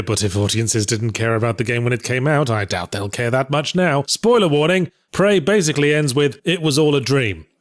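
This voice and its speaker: A man delivering a scripted, sardonic video game critique in a rapid deadpan style. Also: medium pitch.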